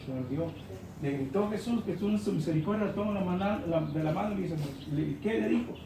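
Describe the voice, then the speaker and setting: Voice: medium pitch, brisk. Echoey preacher. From Mexico. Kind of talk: sermon. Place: church hall. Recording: echoey church hall recorded from far off, with background noise.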